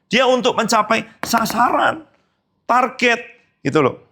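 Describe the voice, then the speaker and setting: A man's voice: very high-pitched, sing-song, measured pace, bright, forceful tone. A middle-aged male pastor preaching a sermon at a church service, emphatic, asking rhetorical questions and answering them himself.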